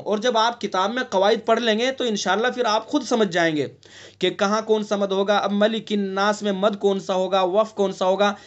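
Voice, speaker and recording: A male recitation teacher giving an online lesson, explaining patiently and breaking into long drawn-out chanted recitation. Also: sits high, lo-fi sound. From India.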